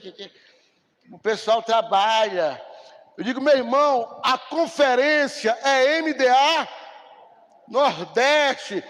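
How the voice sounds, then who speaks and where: A man's voice: extremely high pitch, fairly bright tone. A male pastor, preaching conversationally and acting out little dialogues. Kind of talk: sermon. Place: church hall. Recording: reverberant church hall.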